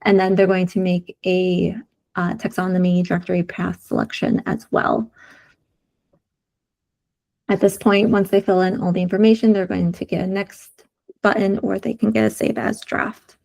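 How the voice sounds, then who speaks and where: Her throat is sore and her voice is giving out as she shares her screen in a community video call meeting to walk through design prototypes. She speaks at a normal speed in a level, medium-pitched, gravelly, slightly mellow voice, going screen by screen with frequent fillers.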